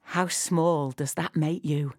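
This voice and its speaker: A woman with a fairly low voice narrates a poetic guided piece. She speaks intimately, as though right in your ear, in a dry, close sound. Her delivery is measured and instructive, addressed straight to the listener. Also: fairly even intonation, a little mellow, no echo. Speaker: audio walk guide.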